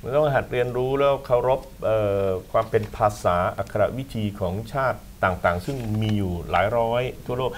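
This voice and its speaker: A man's voice: mid-range voice, a little fast, hardly any pauses, a little hiss or hum. A man hosting a football talk show in a studio, lecturing with emphatic, rambling asides.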